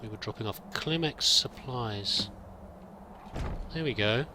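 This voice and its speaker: This man's mid-range voice is slow, bright and forceful, with slight background noise. Roleplaying a pilgrim in a let's play, he muses aloud in character, his thoughts hesitant and meandering.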